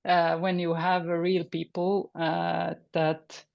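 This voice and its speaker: A woman speaks slowly in a low, gravelly voice over dull, lo-fi video call audio. She introduces herself haltingly as a filmmaker guest, with soft laughs between her phrases. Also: level tone. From Finland.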